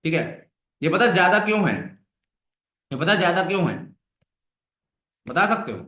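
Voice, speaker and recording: A man's voice: high voice, very animated, normal speed, pushed and bright. Echoey coaxing male coding instructor. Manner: coaxing, repeats questions to the class. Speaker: web development instructor. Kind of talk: classroom coding lesson. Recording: echoey room.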